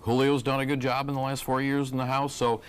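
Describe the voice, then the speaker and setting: A man giving unscripted political commentary as an election night analyst, often pausing mid-sentence. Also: mid-range voice, little pitch movement, clean tone.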